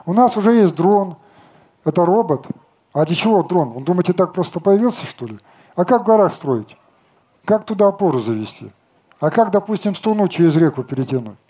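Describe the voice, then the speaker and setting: Fielding questions as a company's chief designer, an older man speaks animatedly and fairly quickly on an outdoor festival stage, his somewhat high voice dark and mellow with a breathy edge. He lectures with assurance and meets objections with his own rhetorical questions.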